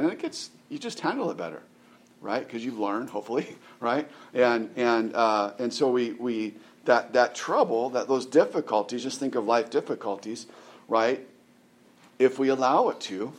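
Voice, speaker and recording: A man in his forties preaching a conversational sermon, rambling with lots of restarts and tag questions. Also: mid-range voice. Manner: rambling, many restarts and "right?" tags. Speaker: pastor.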